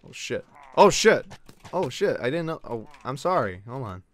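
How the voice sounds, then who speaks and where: A male Twitch streamer giving excitable live gameplay commentary, swearing and yelping as he banters with his chat. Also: mid-range voice, normal speed.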